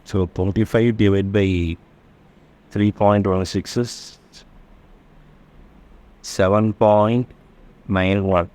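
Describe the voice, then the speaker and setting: An engineering lecturer walks through a tutorial step by step, pausing as he works out the math and checking that listeners are following. His voice is lowish and darkish, with a steady tone.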